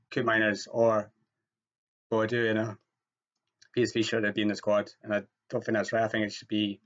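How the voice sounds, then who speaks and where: A man co-hosting a podcast, giving measured, opinionated takes on football in a casual discussion. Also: on the low side, muffled recording. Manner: measured, opinionated, steady delivery. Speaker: podcast co-host, football pundit.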